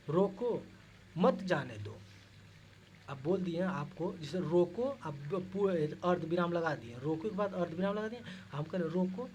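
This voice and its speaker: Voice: mid-range voice, darkish tone, a little hiss or hum, rough recording. A teacher working through exam questions, reading each one and then explaining it, answering their own questions and calling the listeners "guys". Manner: asks questions and answers them, repeats key terms; repeats the same point several times.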